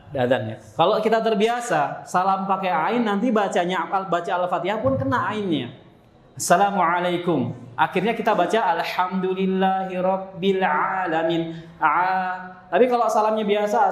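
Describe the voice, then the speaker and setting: A man's voice: high-pitched, echoey room. A man teaching Quran recitation to a congregation, playful and laughing often, chanting Arabic sounds for the group to repeat.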